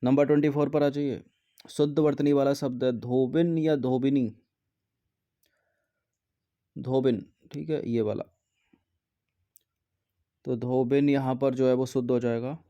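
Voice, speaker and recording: A man's voice: medium pitch, flat delivery, measured pace, pauses often, dark tone, highs cut off. A man teaching Hindi grammar, reading out exam questions and their answer options, then explaining methodically which one is correct.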